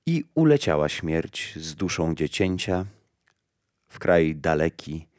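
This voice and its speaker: A man with a very deep voice reads a fairy tale aloud, slow and solemn. The recording is close and dry, without any room sound. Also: very animated, a little mellow, dry recording. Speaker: narrator. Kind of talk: storybook fairy-tale reading.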